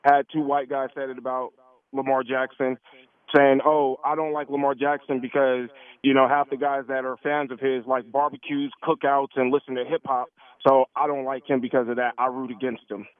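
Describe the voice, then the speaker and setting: A man's voice: medium pitch, little pitch movement, normal speed. A man calling in to a radio show over a phone line, earnestly laying out his argument point by point. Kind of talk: call-in opinion.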